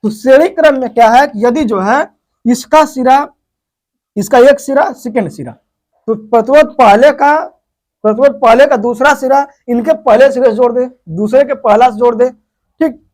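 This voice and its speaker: A man's voice: very high-pitched, moderate pace, a little mellow. A man teaching a physics lesson, who keeps asking questions and answering them himself as he explains step by step. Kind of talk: whiteboard lesson.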